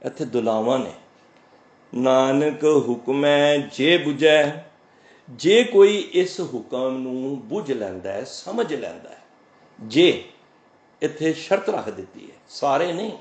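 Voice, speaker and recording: A man giving a sermon on scripture. He recites the verses slowly, then explains them and answers his own questions. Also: mid-range voice, sing-song, a little mellow, echoey room. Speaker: Sikh preacher. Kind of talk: scripture exposition.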